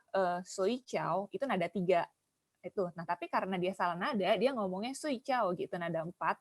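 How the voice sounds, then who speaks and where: A young adult woman presenting at a seminar in a casual academic talk, chatty, with many filler tags at the end of her phrases. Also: on the low side.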